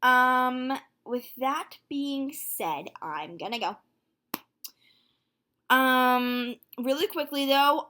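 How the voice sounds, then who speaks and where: A nineteen-year-old woman talking casually to her viewers in a vlog, chatty and full of fillers, quick to exclaim. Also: sits high. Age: young adult, nineteen. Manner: excitable, quick to gasp and exclaim. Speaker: vlogger.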